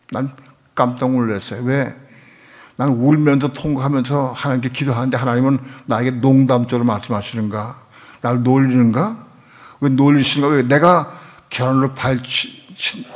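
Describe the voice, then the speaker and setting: A middle-aged male pastor with a mid-range voice delivers his sermon as a heartfelt personal story. His emotional telling sinks to a near hush, then builds to loud, emphatic repetition.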